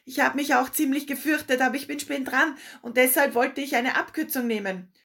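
A woman's voice: high voice, brisk, a bit bright, pitched above the performer's own voice. A woman voicing a frightened young schoolgirl who stammers timidly. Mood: nervous.

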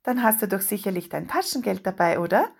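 A woman's voice: medium pitch, expressive, fairly quick, gravelly, slightly rough. A woman voicing a pushy, threatening boy bully in a read-aloud story. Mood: menacing.

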